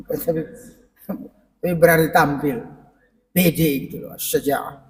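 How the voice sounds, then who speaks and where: A man's voice: a little high, fairly even intonation, slow, darkish tone, slight background noise. A middle-aged male preacher giving a conversational parenting lecture in a mosque and speaking directly to the congregation. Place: mosque hall. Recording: echoey mosque hall, mic at a distance.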